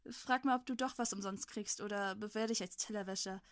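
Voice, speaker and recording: A woman's voice: medium pitch, steady tone, fairly quick, no room sound, natural voice. A woman voicing a reserved, wary young man in a storybook reading, speaking curtly and reluctantly. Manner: curt, reluctant, quiet.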